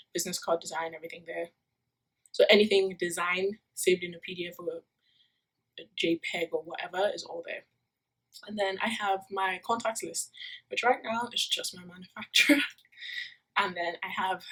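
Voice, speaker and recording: Her voice is on the low side, with a fairly bright tone and a slight roughness. This young adult student from Nigeria chats aimlessly in a casual vlog, correcting herself and using lots of fillers, while a phone taped to her room's wall captures poor audio.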